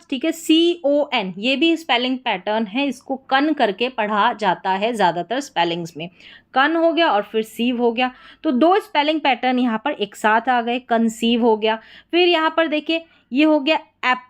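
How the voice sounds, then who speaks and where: A woman teaching an English spelling and pronunciation lesson, spelling words out letter by letter and asking and answering her own questions. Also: fairly high pitch.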